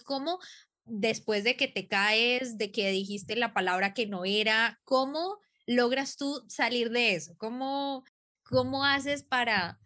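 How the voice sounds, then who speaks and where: A woman's voice: a little high, sharp tone. Woman host asking rambling questions. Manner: rephrases and restarts while asking. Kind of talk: conversational interview.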